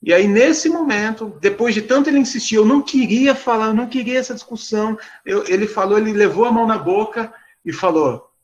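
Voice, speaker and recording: A man, a pastor telling a story to a live online audience in an animated, sarcastic way. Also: high-pitched, brisk, hardly any pauses, highs cut off.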